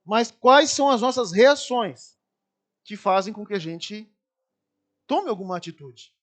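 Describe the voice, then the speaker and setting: Brazilian pastor, very high male voice, animated storyteller who acts out scenes from the pulpit. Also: unhurried. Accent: Brazilian Portuguese. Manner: lively anecdotes, acts out screaming people. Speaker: preacher. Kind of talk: storytelling sermon.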